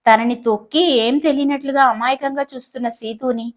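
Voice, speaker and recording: A woman's voice: high-pitched, steady tone, normal speed. Woman narrating a love story audiobook.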